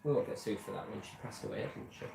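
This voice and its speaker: A man's voice: lowish voice, fast, creaky, heavy background noise. A British man chatting casually as a co-host, supportive, with short dry quips. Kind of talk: casual chat. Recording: echoey room.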